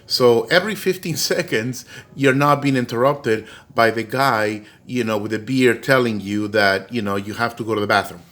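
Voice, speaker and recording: Middle-aged man, home vlog, rambling anecdote, lots of ums and you-knows, squeaky quoted voices. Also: normal speed, few pauses, fairly bright tone. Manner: rambling, many fillers, acts out quoted voices in a high pitch. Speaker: doll collector vlogger. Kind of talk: casual storytelling vlog. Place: his home.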